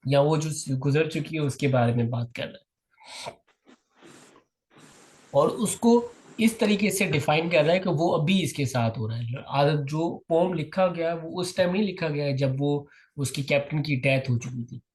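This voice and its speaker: A young man with a Pakistani accent teaching a test-prep class online. He explains patiently, calls on students by name and reads definitions out slowly. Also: fairly high pitch, a little mellow, rough recording.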